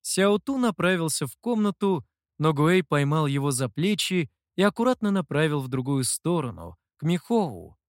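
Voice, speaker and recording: Casting: expressive narrator with a lively, varied delivery and a dry, close sound. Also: medium pitch, moderate pace, no echo. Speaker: audiobook narrator. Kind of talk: scripted narration.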